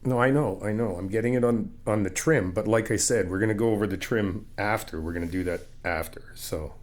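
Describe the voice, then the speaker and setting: A man speaks a little fast in a lowish voice close to his everyday one, playing an easygoing friend who encourages and helps paint an apartment. It's a casual ASMR roleplay full of informal chat and patient, instructive explanation.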